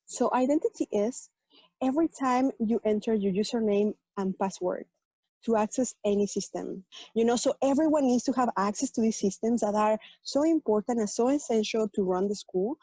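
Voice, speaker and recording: A woman's voice: a little high, mellow, slightly rough, no echo. Woman with a Mexican Spanish accent, earnest. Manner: earnest, explanatory, with "um" pauses. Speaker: tech panelist, program manager. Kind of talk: panel self-introduction, explaining her work.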